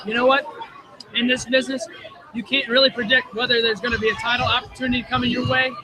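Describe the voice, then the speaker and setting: Over the crowd noise of a live wrestling event, an injured wrestler in his twenties gives a casual interview, plain-spoken, earnest and self-assured. His voice sits extremely high in pitch, with a level tone and a quick pace.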